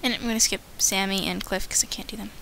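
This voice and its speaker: A woman's voice: medium pitch, fairly even intonation, quick pace, creaky, pushed and bright, slight background noise, rough recording. A young woman talking casually between audition lines, apologizing and redoing her flubs. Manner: chatty, apologetic, redoes flubbed lines. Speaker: voice actor auditioning.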